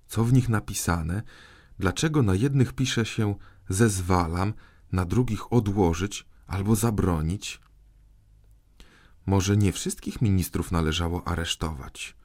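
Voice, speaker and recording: A man reading a children's audiobook in measured, storytelling narration. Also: deep voice, vocal fry, a little mellow, breathy edge. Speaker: audiobook reader. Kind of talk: scripted narration.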